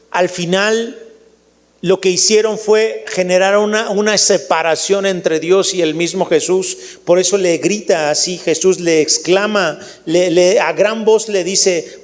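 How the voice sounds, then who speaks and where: A man with a Mexican Spanish accent delivers a sermon in a high voice, talking straight to his congregation. He restarts phrases as he goes and calls the listeners family. His voice trails off into a long reverb, as if he were in a large church. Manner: preaching with many restarts, addresses the congregation as family. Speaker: pastor.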